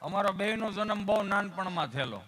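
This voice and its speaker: Young stage comic, high bright voice, faint music behind him. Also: male voice, lively intonation, fairly quick. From Gujarat, India. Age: young adult. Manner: folksy, acts out characters in his stories. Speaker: stand-up comedian at a folk stage show. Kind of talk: stage comedy storytelling.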